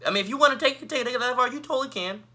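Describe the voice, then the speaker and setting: A man's voice: very high-pitched, very fast. A young man from Northeast Florida delivering a passionate, preachy rant to camera in an emphatic, anchor-like delivery. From Northeast Florida, United States. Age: young adult. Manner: emphatic, repeats "ladies and gentlemen", anchor-like delivery. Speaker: vlogger.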